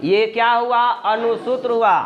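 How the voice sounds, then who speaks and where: A man's voice: very high voice, fairly even intonation, unhurried, dull audio, faint music behind. A man. He keeps asking the class questions, answers them himself, and repeats the key terms. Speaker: science tutor. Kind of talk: classroom chemistry lesson.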